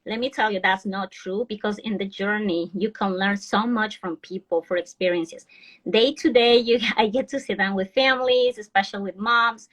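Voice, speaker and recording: A woman's voice: mid-range voice, fairly even intonation, normal speed, poor audio. Woman from Ecuador, video call, earnest, restarts her sentences. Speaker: guest, financial advisor. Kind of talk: casual live-stream interview.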